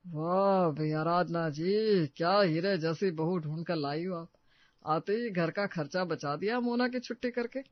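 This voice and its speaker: A woman's voice: on the low side, unhurried, no room sound, close to an everyday voice. A woman playing a pleased older father-in-law. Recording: dull distant lo-fi sound.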